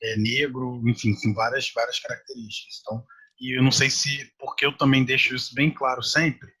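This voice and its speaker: Man, podcast guest, reflective, careful wording, bright forward tone. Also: medium pitch, flat delivery, husky. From Brazil. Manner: measured, thoughtful, often rephrasing himself. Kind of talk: reflective conversation.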